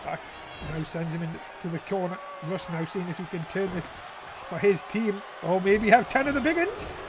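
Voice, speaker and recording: High-pitched, excitable male wrestling commentator. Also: moderate pace. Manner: excitable, exclaiming at big moves. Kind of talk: live play-by-play wrestling commentary. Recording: noisy event audio with crowd behind. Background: crowd noise.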